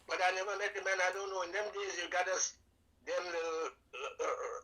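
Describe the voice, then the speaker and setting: Older Trini calypso man, bright forceful tone, folksy storyteller. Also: sits high, brisk, rough recording. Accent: Trinidad and Tobago. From Trinidad and Tobago. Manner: folksy and animated, sings out sound effects. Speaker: calypso singer guest. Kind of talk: storytelling interview.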